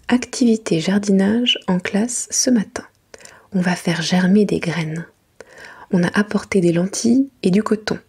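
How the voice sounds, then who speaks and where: A woman reading a children's storybook in a soft, breathy library whisper, gently and without hurry, in an ASMR style. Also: fairly low pitch.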